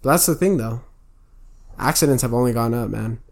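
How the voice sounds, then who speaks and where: A man's voice: medium pitch, brisk, creaky. A young American man chatting casually in a blunt, opinionated frat-bro way, swearing freely. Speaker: podcast co-host. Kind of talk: casual chat.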